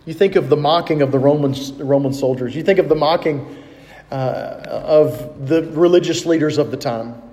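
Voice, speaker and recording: A man's voice: a little high, normal speed, dark tone, in a large hall. A man preaching a sermon in a conversational way, asking his listeners questions and reading scripture aloud. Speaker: pastor.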